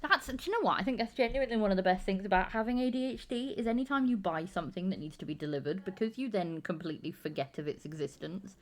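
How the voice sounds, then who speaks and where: A chatty woman in casual conversation as a stream host. She talks quickly and animatedly, slipping into little voices when she quotes herself. Her pitch sits in the middle for a woman. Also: lively intonation. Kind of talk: casual chat.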